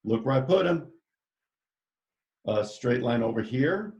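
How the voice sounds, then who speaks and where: Casting: upbeat male art teacher, mid-pitched, echoey room. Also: lively intonation, unhurried, darkish tone, lo-fi sound. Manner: enthusiastic, chatty, directs students step by step. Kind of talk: art lesson for children.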